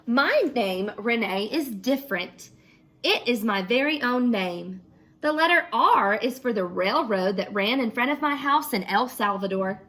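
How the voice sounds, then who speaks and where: A woman's voice: on the high side, unhurried. A woman teacher reading a picture book aloud to children and then asking the class questions about it. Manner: expressive, asks children questions.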